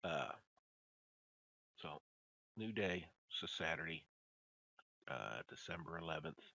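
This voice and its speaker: An elderly man with a grandpa voice, extremely low and full of gravel. He rambles in a folksy, casual way as he reads out headlines and adds his own remarks. The sound is husky and closely dry. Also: animated, takes it slowly, pushed and bright, dry recording. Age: older. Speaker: vlogger reading news headlines. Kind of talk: casual reading and commentary.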